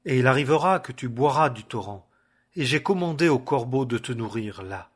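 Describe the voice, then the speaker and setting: Man reading aloud doing a commanding divine voice, stern, solemn, a bit husky. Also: medium pitch, lively intonation, normal speed.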